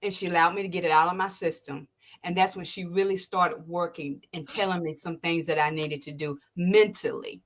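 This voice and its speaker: A woman in her sixties, hosting a podcast interview, speaks a little fast as she relates an emotional personal account. Her storytelling is lively, with quotes acted out in sharp pitch jumps and a hushed, low voice when emotion takes over.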